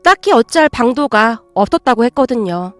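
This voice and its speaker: A woman narrates a radio-style story in the first person, in a calm and even storytelling voice. Her voice is high, and the sound is dry and close to the mic. Faint music plays underneath. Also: moderate pace, no echo.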